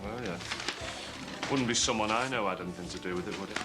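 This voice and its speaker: A man with a fairly low, natural voice talks fast over background music in a TV soap scene. He plays a sly, suspicious working-class neighbour with a Liverpool accent, needling a suspect with insinuating questions he keeps pressing.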